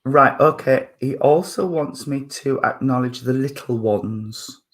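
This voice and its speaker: A spiritualist mediumship reading comes from a man in his fifties with a husky, medium-pitched voice. Thinking aloud, he speaks haltingly, with numerous fillers and restarts.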